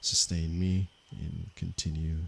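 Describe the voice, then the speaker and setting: A man from Canada, a meditation teacher, speaking softly and unhurriedly to viewers of his livestream. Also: a bass voice, flat delivery, gravelly, breathy edge. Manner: slow, soft-spoken and unhurried, with pauses. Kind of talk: calm livestream talk to viewers.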